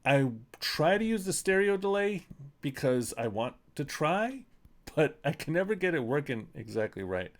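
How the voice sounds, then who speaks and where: Speaking at a normal pace in a higher, sing-song voice, a middle-aged musician walks through a vocal mix from his home studio. It's a casual screen-recorded tutorial. He rambles, says um and uh a lot, and pokes fun at himself.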